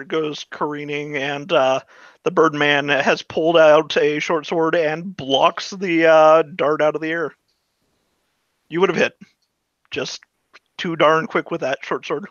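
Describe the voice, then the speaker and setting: A man with a fairly high, bright voice runs a tabletop game, casually narrating and giving rulings. He sounds forceful, in a dry, slightly dull recording. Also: fairly even intonation, measured pace, dry recording. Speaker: game master.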